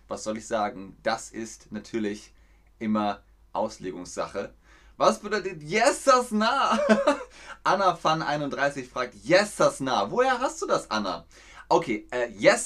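Playful man hosting a quiz. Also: mid-range voice. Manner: playful, teasing, encouraging. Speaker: quiz host teaching dialect words. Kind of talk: livestream quiz with chat.

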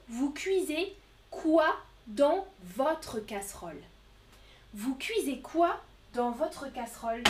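A woman with a high voice leads a live online French lesson. She talks slowly and says each new word carefully, repeating it so learners can follow. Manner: slow, clear, repeats words for learners. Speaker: French teacher.

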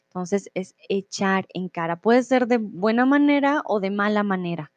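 A woman's voice: medium pitch, normal speed, no room sound, dull audio. A woman teaching Spanish on a live stream, explaining expressions patiently and reading out viewer comments. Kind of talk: live-streamed language lesson.

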